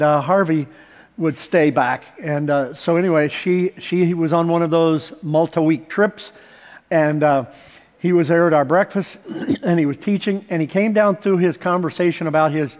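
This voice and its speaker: A middle-aged pastor preaches a sermon on a large church stage, telling stories and building to emphatic points. His voice sits high for a man, and long hall reverb trails behind every phrase.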